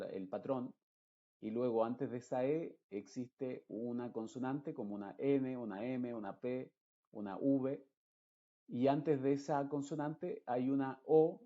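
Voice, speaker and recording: A man's voice: mid-range voice, warm tone, lo-fi sound. A man, teaching English pronunciation patiently and repeating example words. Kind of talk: slow, explanatory lesson narration.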